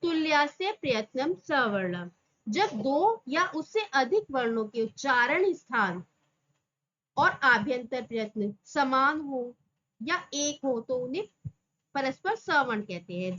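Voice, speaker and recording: A woman's voice: sits high, fairly bright tone, dull audio, a little hiss or hum. A woman teaching an exam-prep grammar lesson, repeating each term and answering her own questions. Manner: slow, repeats terms and asks rhetorical questions.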